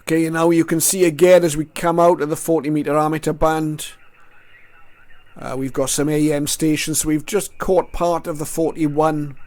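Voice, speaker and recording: With radio music and receiver signals behind him, a man thinks aloud in brief, unscripted remarks while tuning a radio for a casual screen-recorded hobby session he hosts. His voice is a little high and slightly mellow, with little pitch movement, a moderate pace, and no echo.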